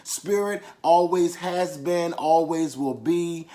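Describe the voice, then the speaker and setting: A man's voice: a little high, slow, mellow. A man preaching a sermon, repeating key phrases for emphasis and calling on listeners to affirm after him. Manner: emphatic repetition with call-and-response affirmations.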